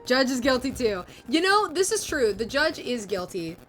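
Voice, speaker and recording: A woman voice actress live-streaming a game, thinking aloud in an animated way, swearing casually and reading lines aloud. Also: sits high, moderate pace.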